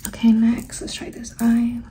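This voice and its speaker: A woman doing a whispered role-play in fast ASMR whispering, repeating short phrases rapidly in a soothing, reassuring way. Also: on the high side, completely flat delivery, mellow. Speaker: ASMR performer.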